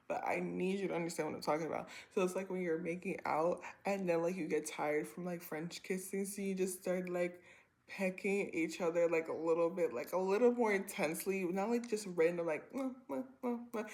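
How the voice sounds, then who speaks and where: A woman in her twenties telling a personal story to camera in a rambling, animated way, full of slang and filler words. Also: fairly low pitch. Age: 20s. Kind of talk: casual storytime vlog.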